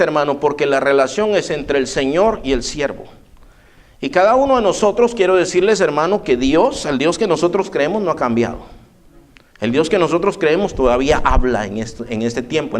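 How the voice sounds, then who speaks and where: Male pastor, high voice, emphatic church preaching. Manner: emphatic, keeps addressing listeners as brother. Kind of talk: evening church sermon.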